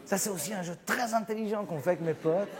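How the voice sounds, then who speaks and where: A man performing a stand-up comedy show on a theatre stage, animated and acting out little scenes. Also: sits high, quick pace, crowd noise. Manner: animated, acts out scenes with shifting voices. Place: theatre stage with live audience. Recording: live theatre recording, hall reverb, audience laughter. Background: audience laughing.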